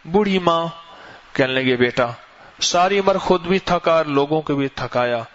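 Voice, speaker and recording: A preacher delivers a sermon at a mosque gathering, telling stories with sweeping rises and falls in pitch. The recording is dull and lo-fi, with faint noise.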